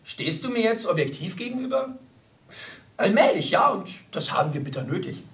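A man's voice: high-pitched, big pitch swings, moderate pace, a bit bright, recorded from a distance. A man playing an earnest young painter. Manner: earnest, lecturing. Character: earnest young male painter, proud and touchy. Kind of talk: audiobook character voice.

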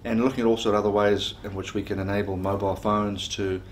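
A man's voice: fairly low pitch, little pitch movement, fast, slight background noise. A man in his forties giving interview answers as a company chief executive. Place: office, indoors.

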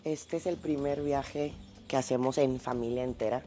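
Her voice sits extremely low, warm and steady, moving at a moderate pace. This woman, a fitness vlogger, walks around outside at a tropical resort, laughing and chatting as she tells a travel story for her casual vlog, recorded on a lapel mic.

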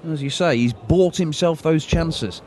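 A man commentating live on a darts match, calling the play with measured analysis. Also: a little high. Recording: loud arena crowd and noise behind.

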